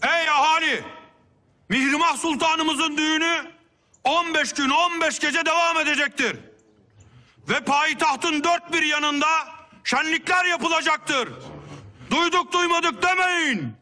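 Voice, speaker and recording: A man's voice: extremely high pitch, exaggerated voice. A middle-aged man acting as an Ottoman town crier, calling out formal proclamations in a period drama. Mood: solemn proclaiming. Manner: town crier's loud, drawn-out public proclamation.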